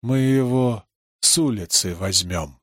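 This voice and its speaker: A man voicing a calm, practical grown man in an audiobook reading. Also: on the low side, slow pace, breathy edge, no room sound, clean studio sound, pitched below the performer's own voice, exaggerated voice.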